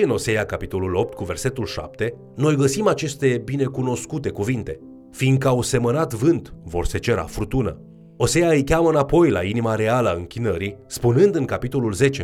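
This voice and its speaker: A man's voice: mid-range voice, darkish tone. Man narrating a Bible lesson over music. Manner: reads scripture quotes with added emphasis. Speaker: Bible teacher.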